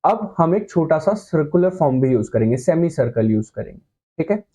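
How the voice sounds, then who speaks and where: A man's voice: fairly high pitch, very animated, fairly quick, mellow. A man teaching an online shorthand lesson, explaining with playful comparisons and checking in with the class again and again.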